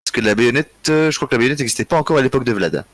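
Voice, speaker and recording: A tired man hosting a live history quiz, reading out chat answers in a relaxed, joking way with frequent chuckles. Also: medium pitch, racing, no room sound. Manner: relaxed, joking, chuckles often, thinks aloud. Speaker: quiz host.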